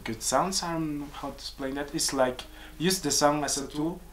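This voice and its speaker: A young Peruvian man in his 20s, a composer and musician, gives casual interview answers in a small office with pictures on the walls. His voice sits on the high side, and he searches for words, pausing and restarting haltingly. A faint hiss runs in the background.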